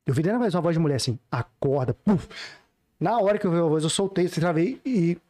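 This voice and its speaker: A man's voice: high voice, expressive, very fast, dark tone. A man co-hosting a podcast, telling a personal story in casual chat and repeating phrases for emphasis. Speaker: podcast co-host. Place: podcast studio.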